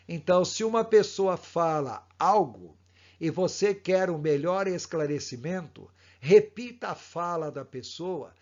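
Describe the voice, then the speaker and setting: A man, giving a recorded course lecture on counseling in a measured, didactic way. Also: sits high, a little mellow. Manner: slow, measured, didactic explanation. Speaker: instructor in pastoral counseling. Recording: dull lo-fi recording.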